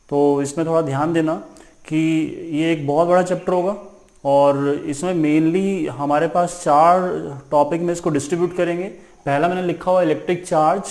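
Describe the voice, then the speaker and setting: A man teaches a physics lesson, moving between Hindi and English technical words spoken with an Indian accent. His voice sits a little above the usual male pitch. He keeps asking his students short questions and then answering them himself. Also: darkish tone. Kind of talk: classroom physics lecture.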